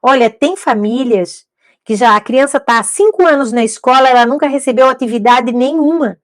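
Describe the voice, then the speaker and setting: A woman in middle age with a high, bright-pitched voice lectures teachers. She is emphatic, circling back to key points and throwing out rhetorical questions. The sound is close and dry, with no room around it. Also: moderate pace, no room sound. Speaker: educator teaching literacy teachers. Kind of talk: instructional talk to camera.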